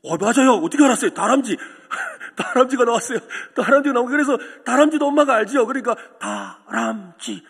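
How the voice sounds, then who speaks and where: Male pastor storytelling in a sermon, high voice, big echoey church. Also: quick pace, hardly any pauses, fairly bright tone, husky. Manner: storytelling, asks the congregation questions. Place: church sanctuary. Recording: echoey church hall with long reverb.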